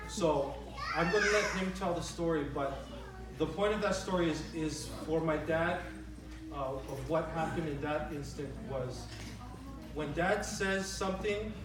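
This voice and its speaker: A middle-aged man gives an informal eulogy, speaking in a halting, conversational way and often repeating his phrases. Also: a little high. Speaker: son giving a eulogy for his father. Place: large reverberant room at a memorial gathering. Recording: very echoey, distant microphone in room.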